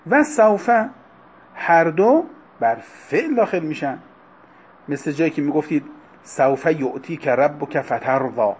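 A man teaching a grammar class, explaining terms one by one, slowing down and stressing key words. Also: on the high side, slightly rough. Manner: explanatory, lecturing to students, slow deliberate stresses on terms. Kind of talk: Arabic grammar lecture. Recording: dull lo-fi recording.

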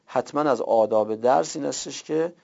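A man with a gravelly, creaky voice lectures a class, explaining each point patiently, repeating key words and flagging what is new. The recording sounds dull and lo-fi. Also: medium pitch, darkish tone. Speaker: teacher of Arabic morphology.

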